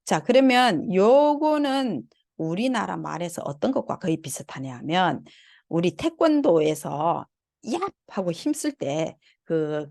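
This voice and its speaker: A woman teaching a recorded lesson on Chinese tones, speaking slowly and patiently. Her pitch sits a little low, but her voice swings widely as she sings out each tone to show it. The recording is dry and close, with no room sound. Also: creaky, darkish tone, no room sound. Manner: patient, explains step by step, sings out tone examples. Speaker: Chinese language instructor. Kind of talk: recorded online lecture.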